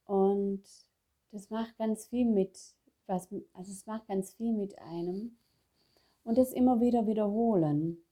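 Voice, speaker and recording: A middle-aged woman talks at an unhurried, drawn-out pace, like a coach sharing something personal. She repeats gentle affirmations in a soft, measured way, her voice sitting at an ordinary middle pitch. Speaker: self-help coach. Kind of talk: personal motivational talk.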